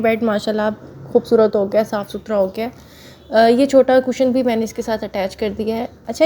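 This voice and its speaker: Woman vlogger, mellow voice pitched a bit high, a little hoarse, homely chatter to camera. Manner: chatty, homely, addresses viewers directly. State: slightly hoarse from a cold. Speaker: home vlogger. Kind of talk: casual voice-over narrating chores.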